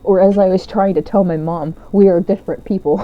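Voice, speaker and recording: A woman's voice: medium pitch, fairly even intonation, moderate pace, dull audio. A young woman chatting and joking casually with a friend, trailing off as she goes. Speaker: co-reader. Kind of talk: casual chat.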